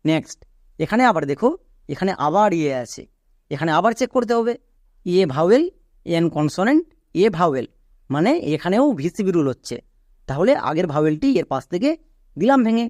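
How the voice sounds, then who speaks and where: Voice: medium pitch, very animated, brisk, long pauses, darkish tone, no echo, studio quality. A teacher, giving an online grammar lesson step by step and quizzing the viewer with questions. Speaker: English teacher.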